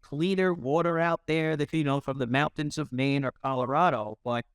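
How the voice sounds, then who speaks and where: A man's voice: fairly high pitch, fairly even intonation, normal speed, smooth, dry recording, studio quality. A man from New York City hosting a casual interview, chatty and filling his talk with "you know". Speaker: interview host.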